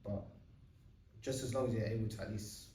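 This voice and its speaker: A man's voice: lowish voice, steady tone, brisk, mellow, slight background noise. Young man chatting eagerly in a roomy space. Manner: chatty, eager, explains at length with many fillers. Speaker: podcast host. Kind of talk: casual podcast chat. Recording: roomy sound from a distant mic.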